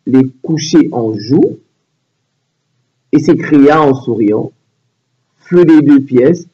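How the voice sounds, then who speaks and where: A man reading a literary passage aloud at a steady pace. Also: mid-range voice, slightly rough. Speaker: reader. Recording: dull lo-fi recording.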